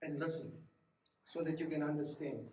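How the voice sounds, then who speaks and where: High-voiced preacher in an echoey hall. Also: male voice, fairly even intonation, normal speed, slight background noise. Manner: emphatic preaching, acts out spouses' lines. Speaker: pastor. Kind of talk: sermon on marriage. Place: church hall. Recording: echoey hall, mic from a distance.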